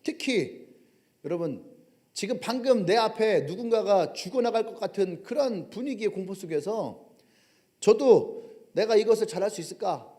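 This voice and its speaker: A male pastor preaching a sermon, telling stories with animated humor. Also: high voice, normal speed.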